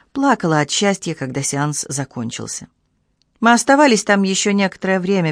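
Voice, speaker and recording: A woman reading a mystery novel aloud as an audiobook narrator, in a measured, even storytelling manner. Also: on the low side, no room sound, clean studio sound. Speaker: audiobook reader. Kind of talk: scripted narration.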